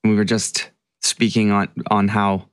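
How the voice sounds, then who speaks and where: A man's voice: lowish voice, little pitch movement, unhurried, clean tone, no room sound, clean studio sound. A man co-hosting a podcast in casual, conversational talk, repeating phrases for emphasis. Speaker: podcast co-host. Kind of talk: casual chat.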